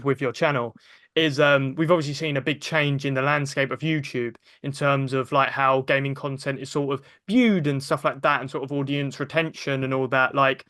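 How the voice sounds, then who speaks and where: A man's voice: medium pitch, pushed and bright, no room sound, clean studio sound. A British man hosting a casual podcast interview, rambling and leaning heavily on filler phrases. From Britain. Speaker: podcast host.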